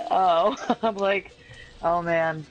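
A woman's voice: on the low side, drawn-out words, dull audio, over a noisy crowd. A young woman gaming and chatting over a headset, giggling helplessly as she talks. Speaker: gamer. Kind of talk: casual chat over voice chat while gaming.

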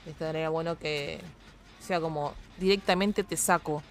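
A woman game streamer with an Argentine Spanish accent chats casually while gaming. Her voice is deep, her tone steady and her pace moderate, and she speaks in a blunt, slangy, foul-mouthed way. Slight background noise can be heard.

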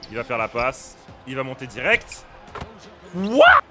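A young man playing a basketball video game, giving excitable, casual commentary, often shouting at the action and laughing. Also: medium pitch, normal speed, soft background music. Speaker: gaming streamer.

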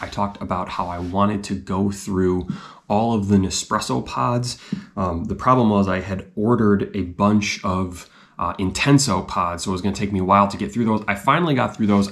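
Chatty low-voiced man vlogging. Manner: chatty and self-deprecating. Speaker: running vlogger. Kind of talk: casual vlog chat.

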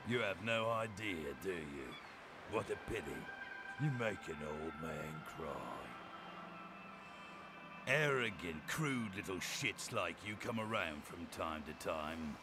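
An actor playing a weary, menacing old assassin boss, delivering a slow, booming villain monologue in a video game. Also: male voice, lively intonation, noisy background. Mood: menacing, scornful. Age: older.

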